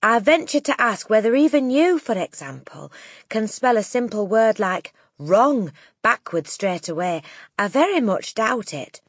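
Woman as a principled, quietly firm schoolteacher. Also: fairly high pitch, sing-song, slightly rough, dry recording, clean studio sound, voice pushed up, exaggerated voice. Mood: politely defiant. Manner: measured, precise, politely defiant. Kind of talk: audiobook character acting.

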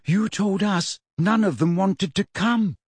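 A man's voice: high voice, lively intonation, measured pace, slightly rough, dry recording, pitched above the performer's own voice, full character voice. A man voicing an anxious teenage girl in an audiobook, emotional, urgent and incredulous. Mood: frightened. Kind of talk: audiobook character voice.

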